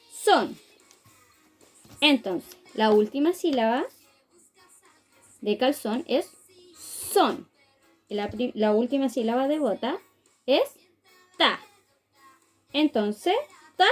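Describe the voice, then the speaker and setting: Preschool teacher lady, highish voice, breaks words into syllables, lots of praise. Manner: slow, sounds out words syllable by syllable, encouraging. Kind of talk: online phonics lesson for young children.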